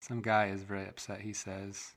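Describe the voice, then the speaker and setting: Easygoing young dad, lowish voice. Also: male voice, monotone, normal speed, a bit bright, a little hiss or hum. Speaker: guest, new father. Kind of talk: casual chat.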